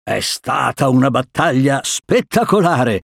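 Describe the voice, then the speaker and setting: A man's voice: on the high side, very animated, a little slow, a little mellow, dry recording, studio quality, voice pushed up, heavily acted. A man doing a jovial, boastful bear. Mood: carefree, boastful. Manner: carefree and boastful.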